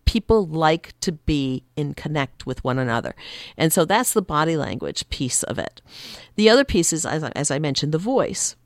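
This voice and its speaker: A woman's voice: normal speed, no room sound. A woman working as a communication coach, a guest chatting casually at a studio desk mic and acting out quoted voices now and then. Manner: acts out quoted voices with lively pitch swings. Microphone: desk microphone.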